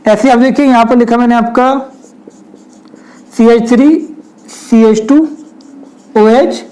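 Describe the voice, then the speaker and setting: A man's voice: extremely high pitch, fairly even intonation, slow, warm tone, rough recording. A young man, giving a chemistry lecture at a whiteboard, often asking rhetorical questions and speaking directly to his students. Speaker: chemistry teacher.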